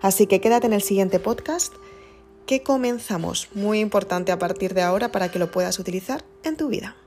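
A woman hosting a self-help podcast, talking calmly and directly to her listener in an encouraging way. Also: mid-range voice, a little fast. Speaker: podcast host.

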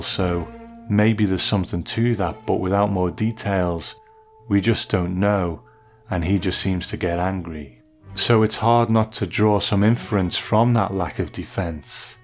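A man hosting a review, giving semi-scripted commentary in a measured, conversational, reflective way. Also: fairly low pitch. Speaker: host of a TV episode review.

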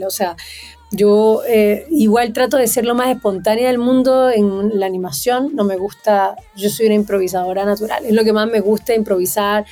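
A woman's voice: on the high side, dark tone. A woman from Chile and Venezuela, a singer and TV presenter chatting as a guest in a casual interview. She is talkative, spontaneous and laughs often.

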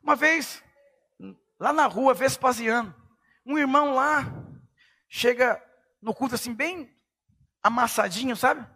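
A middle-aged man preaching a sermon as a pastor, emphatic and rising to shouts at his peaks. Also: very high-pitched, a little slow, long pauses.

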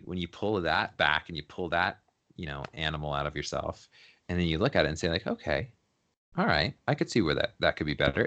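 Here the interviewee is a photographer whose deep voice sounds bright and forceful. Throughout the casual chat he stays laid-back and slangy, breaking into laughter often.

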